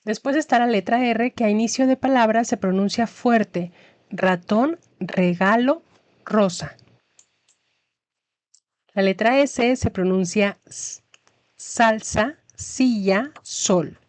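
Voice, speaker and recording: Slow, careful woman teacher. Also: fairly high pitch, a little mellow, no echo. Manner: slow, careful enunciation of example words. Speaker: Spanish teacher. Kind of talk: scripted lesson narration.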